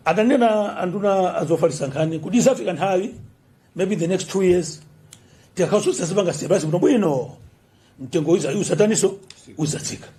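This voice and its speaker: A government official with a Malawian accent addresses the public at a press briefing, making his appeal in short phrases. His voice is high-pitched and mellow, and he speaks quickly.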